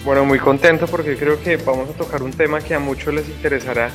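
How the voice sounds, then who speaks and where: A man's voice: fairly high pitch, fairly even intonation, quick pace, music in the background. A man opening a radio show with friendly welcomes. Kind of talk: radio interview.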